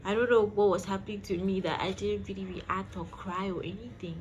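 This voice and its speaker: A woman's voice: mid-range voice, fairly even intonation, fairly quick, noisy background. A woman vlog host telling a personal story casually and emphatically, speaking directly to her listeners. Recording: background music behind the voice. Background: music.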